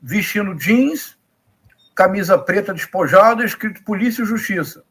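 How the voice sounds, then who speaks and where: A man's voice: sits high, animated, moderate pace, a bit bright, husky. A middle-aged man with a Rio de Janeiro Brazilian accent gives live political commentary in an emphatic, didactic way, leaning on repetition and rhetorical questions. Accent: Rio de Janeiro Brazilian Portuguese.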